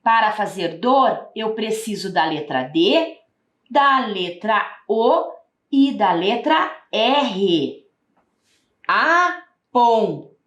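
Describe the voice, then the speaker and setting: A woman's voice: medium pitch, animated, takes it slowly. A Brazilian woman teaching a video reading lesson to young children, stretching out syllables and asking sing-song questions. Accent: Brazilian Portuguese. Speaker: primary school teacher.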